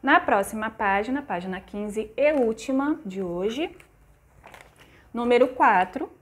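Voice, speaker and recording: A woman's voice: fairly high pitch, lively intonation, slow pace. A Brazilian woman teacher reading from a textbook and patiently walking pupils through grammar exercises, often checking with "tá?". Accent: Brazilian Portuguese. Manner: patient, explanatory, frequent "tá?" checks; reads textbook aloud and walks through exercises. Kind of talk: recorded class lesson.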